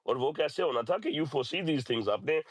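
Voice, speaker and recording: A man's voice: on the high side, lively intonation, measured pace, slightly rough, no room sound, studio quality. A man with a sore throat debating cricket in a casual audio chat, mixing in English phrases and lecturing a little. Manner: mixes English phrases into his talk, lecturing tone. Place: lives in Europe.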